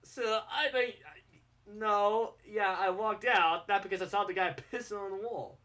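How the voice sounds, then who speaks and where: A man telling a story in casual podcast chat, his voice a touch higher than most men's. He rambles, swears freely and laughs between lines. The talk is loose and unscripted. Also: unhurried, pushed and bright. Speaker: podcast co-host.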